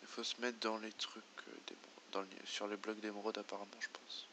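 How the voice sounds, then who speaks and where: A man's voice: lowish voice, little pitch movement, fairly quick, background noise. A man doing let's play commentary, muttering to himself and reading game menus aloud. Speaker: gamer.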